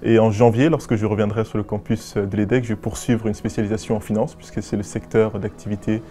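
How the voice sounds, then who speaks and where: A nineteen-year-old man from West and Central Africa, a business school student giving formal, measured and articulate interview answers. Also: on the low side, level tone, warm tone, soft background music. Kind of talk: prepared interview answers to camera.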